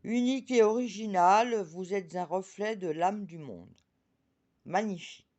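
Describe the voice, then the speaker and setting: A chatty woman presenting oracle cards on her channel, talking about herself in the third person and reading each card's message slowly. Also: medium pitch, a little mellow, muffled recording. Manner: reads card messages slowly.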